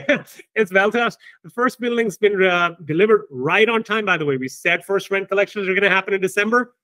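A man, the company's founder, talking through business results in an emphatic, animated way, often checking in with "right?". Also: high voice, fairly quick, dry recording. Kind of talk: casual business discussion.

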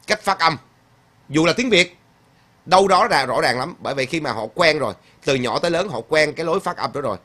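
A man's voice: on the high side, sharp tone. A man hosting a casual livestream. He reads viewer comments aloud and answers them emphatically, repeating his points with frequent fillers. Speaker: host of a political livestream.

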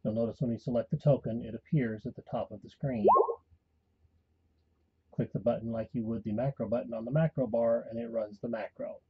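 Husky man explaining software steps calmly. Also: medium pitch, a little fast, highs cut off. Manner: calm step-by-step instruction. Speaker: tutorial host and game master. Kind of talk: screen-recorded software tutorial.

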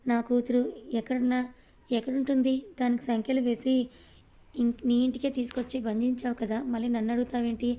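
A woman voicing a quarrelsome, scheming middle-aged mother-in-law who scolds loudly in an audio story. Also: fairly high pitch, little pitch movement, brisk, lightly acted. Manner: loud, scolding.

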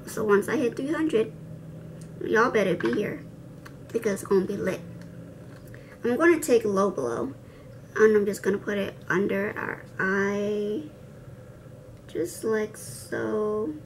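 A woman's voice: medium pitch, slow, long pauses, slight background noise. A young adult woman chatting casually through a makeup tutorial, saying r like w, with playful, self-deprecating, slangy asides. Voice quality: soft r sounds, r said like w. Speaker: makeup vlogger. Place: indoor room with cloth backdrop, seated before camera.

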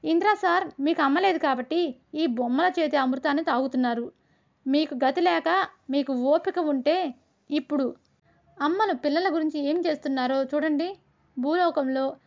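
A woman's voice: high voice, moderate pace, vocal fry, long pauses. A woman voicing a young schoolboy who pleads and argues with the gods in a storybook tale, insistent and earnest. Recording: dull lo-fi recording.

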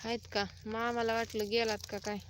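A woman hosting a live stream, chatting casually, reading out viewer comments and teasing them with drawn-out repeated replies. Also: on the high side, little pitch movement, noisy background. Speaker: livestream host.

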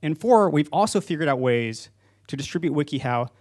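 Speaking at a brisk clip, this fortyish man has a fairly high but darkish voice and an animated delivery. He is a company founder giving a prepared conference talk on an auditorium stage, handheld mic in hand, facing a seated audience.

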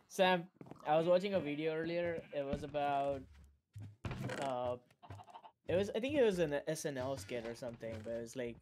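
Young man, animated rambling questions, hiss under the mic. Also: a little high, normal speed. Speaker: gamer. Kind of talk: casual gaming chat. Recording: voice chat with audible hiss.

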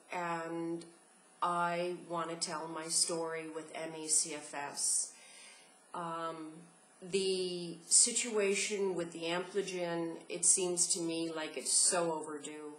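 A middle-aged woman giving a home video testimony as a patient, out of breath and speaking in a halting, earnest way with pauses. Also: lowish voice, a bit bright, reverberant, slight background noise, rough recording.

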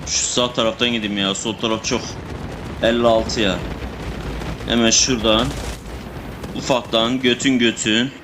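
Excitable young man over game gunfire. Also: medium pitch, normal speed, long pauses, background noise. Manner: excitable, swears, talks to teammates and enemies. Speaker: gamer playing a shooter. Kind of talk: casual gameplay commentary. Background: gunfire and game sound effects.

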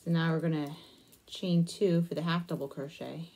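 In a small attic room indoors, a young woman who vlogs about crafts chats casually through a crochet demonstration, mostly lost in it and half talking to herself. Her voice is low and dark, steady in tone, at normal speed.

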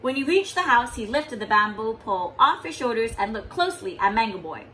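A woman teacher reading a picture book aloud to young children, expressive and stopping to explain words. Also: fairly high pitch, brisk, slight background noise, poor audio. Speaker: kindergarten teacher.

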